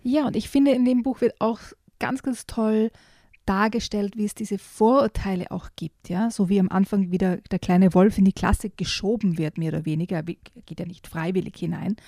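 Female reader-host, children's book read-aloud; mellow timbre with vocal fry. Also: mid-range voice, dry recording, studio quality. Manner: lively storyteller with pauses and fillers. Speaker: story reader and book reviewer. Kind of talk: reading a picture book aloud, then discussing it.

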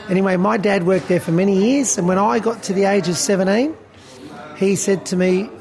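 An Australian band musician in his fifties chats casually in an interview at a busy beer hall restaurant, rambling with lots of fillers and laughs. His voice is high-pitched and darkish, brisk, with fairly even intonation.

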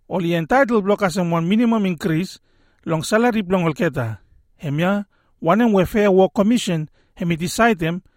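A man's voice: high voice, no echo, studio quality. A man with a Solomon Islands accent presenting a scripted explainer in Solomon Islands Pidgin. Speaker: radio presenter.

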